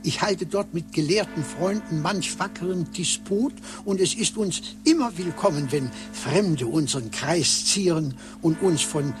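An actor playing a polite, formal professor at a medieval university, in an old radio play. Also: male voice, fairly high pitch, unhurried, few pauses, music in the background, close to an everyday voice. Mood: courteous. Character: courteous male medieval professor.

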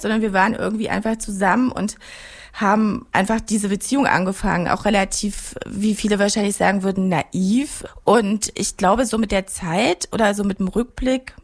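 Gravelly-voiced German woman, reflective. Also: mid-range voice. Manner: reflective, searching for words with many fillers. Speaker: filmmaker guest. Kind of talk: interview conversation.

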